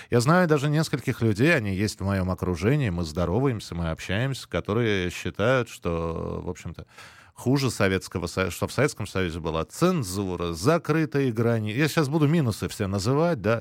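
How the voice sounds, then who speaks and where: A man hosting a live radio phone-in in a conversational, halting, self-correcting way. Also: sits low, dry recording, clean studio sound. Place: dry studio.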